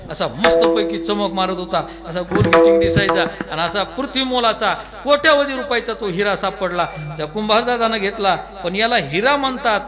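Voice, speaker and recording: High-voiced man preaching with music. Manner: lively storyteller who breaks into chanted verses. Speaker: kirtan preacher. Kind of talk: devotional sermon with humorous storytelling.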